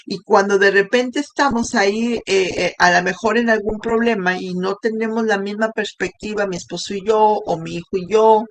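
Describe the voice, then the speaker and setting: Middle-aged woman speaker, testimony sermon, chatty storytelling that checks in with the audience, mid-pitched voice. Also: fairly even intonation, moderate pace, hardly any pauses. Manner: conversational storytelling, asks audience questions. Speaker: women's ministry speaker.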